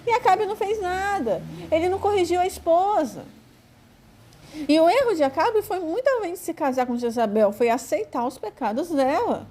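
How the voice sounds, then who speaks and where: A Brazilian woman teaching from the Bible in a conversational, informal sermon, pausing with fillers and sometimes acting out voices. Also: extremely high pitch, expressive, mellow. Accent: Brazilian Portuguese. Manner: conversational, hesitant with fillers, acts out quoted voices.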